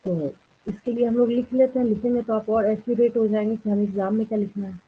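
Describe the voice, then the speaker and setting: A woman biology teacher giving a classroom lecture, dictating notes slowly word by word and often checking that students follow. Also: fairly high pitch, steady tone, slightly rough. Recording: tinny phone-like sound.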